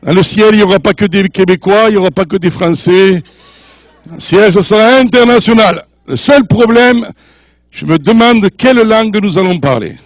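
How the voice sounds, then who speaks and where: Older man, high-pitched, a guest preacher joking with his church; dry, close recording. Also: moderate pace, no room sound. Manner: jovial, joking with the congregation; mixes French, English and Spanish. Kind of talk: sermon.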